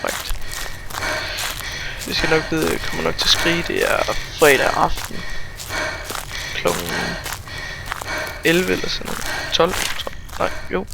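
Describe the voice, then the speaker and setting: A man's voice: a little high, flat delivery, creaky, long pauses, very noisy. A young man rambling and swearing through a solo horror game, jumpy and scared, talking into a desk mic at home. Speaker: gamer. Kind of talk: solo horror let's play commentary. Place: room at home, alone. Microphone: desk mic, no facecam.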